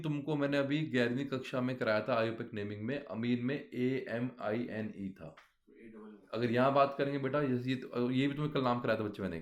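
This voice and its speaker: A man's voice: medium pitch, muffled recording. A man teaching a chemistry class, explaining step by step and often quizzing his students. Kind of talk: classroom lecture.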